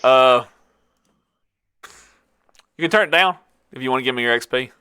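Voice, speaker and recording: Man, game master, bright crisp voice, dry close sound, relaxed and self-correcting. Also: mid-range voice, moderate pace, no room sound. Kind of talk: running a tabletop game online.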